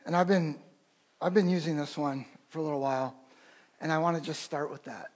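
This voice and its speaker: A man leading a congregation in a slow, gentle breath prayer, speaking softly with pauses as a pastor. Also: fairly high pitch. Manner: slow, gentle, soft-spoken guiding with pauses.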